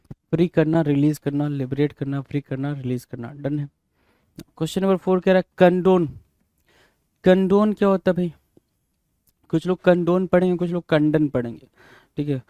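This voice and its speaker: Speaking at normal speed with long pauses, a man with a slightly high, warm voice teaches English vocabulary for exams. He spells words letter by letter and keeps prompting students with a rhetorical "bhai?" No room sound comes through.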